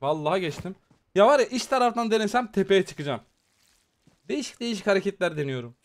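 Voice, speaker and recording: A man giving excited, chatty live commentary on a mobile shooter game, talking straight to his viewers as he plays. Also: high voice, fast. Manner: excitable, chatty, talks to viewers while playing. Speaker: gaming YouTuber.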